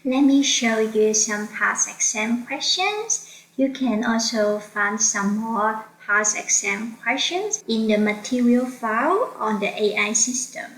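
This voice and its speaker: Slow-speaking woman tutor, echoey room. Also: fairly high pitch, a bit bright. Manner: slow, explanatory, checks in with learners. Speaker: English test tutor. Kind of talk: online workshop teaching.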